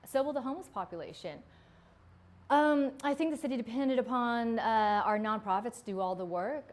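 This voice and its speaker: Woman in her forties, born in Vietnam, earnest conversational candidate, mid-pitched voice. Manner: earnest, conversational, with frequent ums. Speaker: city council candidate. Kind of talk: candidate interview.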